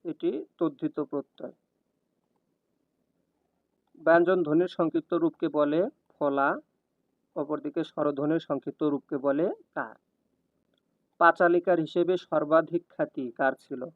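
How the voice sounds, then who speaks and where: A man with a fairly high voice reads exam questions and their answers in a steady, measured cadence. The sound is thin and phone-like, with a dry, close feel and no room around it. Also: no room sound. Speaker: exam prep tutor. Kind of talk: scripted question-and-answer reading.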